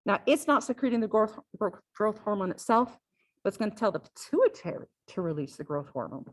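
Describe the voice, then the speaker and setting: A woman gives a physiology lecture to a class in a relaxed, conversational way, often pausing to ask "all right?". Her voice sits at a middle pitch, and the recording is dry and close with no room echo. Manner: conversational and repetitive, with frequent "all right?" check-ins.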